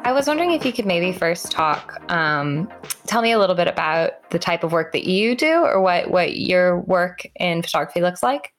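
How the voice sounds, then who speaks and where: A woman's voice: on the low side, big pitch swings, normal speed, soft background music. A woman podcast host introducing her guest and asking questions in a conversational way, hedging with fillers.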